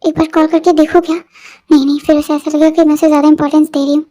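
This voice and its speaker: A very high-voiced reader playing a young woman anxiously arguing with herself. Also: little pitch movement, fast talker, mellow, lightly acted. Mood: fretful. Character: fretful young woman waiting for someone.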